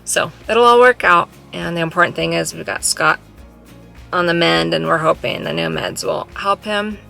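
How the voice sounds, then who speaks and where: A man's voice: on the high side, big pitch swings, normal speed, vocal fry, bright, forceful tone, faint music behind. A man chatting casually to viewers in an informal, reassuring way. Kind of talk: casual vlog chat.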